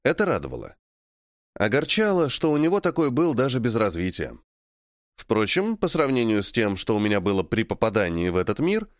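A man reading a first-person fantasy audiobook in a measured, matter-of-fact way. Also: mid-range voice, no echo, studio quality. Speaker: audiobook narrator.

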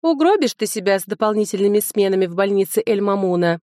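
A woman's voice: medium pitch, lively intonation, fast talker, darkish tone, no room sound, clean studio sound, close to an everyday voice. A woman reading an audiobook and voicing a fussing young female student, her friend, who speaks in an anxious, fussing way.

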